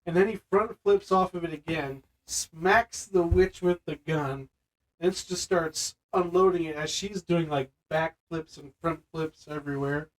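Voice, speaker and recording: A man co-hosting a casual podcast chat, retelling film scenes in an animated way and using "like" often. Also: fairly high pitch, a little slow, rough recording. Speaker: podcast co-host.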